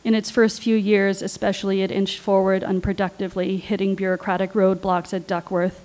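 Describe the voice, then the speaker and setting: A woman on a panel, reading her own personal essay aloud in a measured, deliberate way. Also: mid-range voice, flat delivery, a little mellow, low-quality recording. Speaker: writer and panelist.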